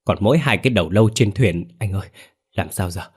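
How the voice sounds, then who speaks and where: A stammering, superstitious henchman played by a man stumbles over his words in fright. His voice sits low and shaky as he begs his boss for help. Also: fast talker, husky. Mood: frightened.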